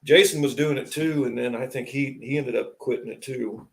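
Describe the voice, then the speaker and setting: A man's voice: mid-range voice, moderate pace. A man in his forties hosting a casual live stream, chatting in a laid-back way and greeting viewers as they join. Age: 40s.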